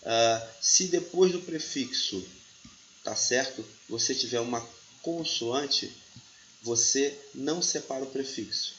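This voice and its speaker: A man's voice: medium pitch, takes it slowly, a bit bright, a little hiss or hum. A man, teaching a grammar lesson step by step and often checking in with the listener. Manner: didactic, checks in with "tá bom?". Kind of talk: explaining a lesson. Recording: echoey room, slightly dull audio.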